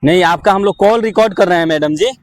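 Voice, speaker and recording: A local reporter with a Bihari accent interviews someone by phone, questioning in a pushy, goading, casually confrontational way. His voice is high and his pace quick.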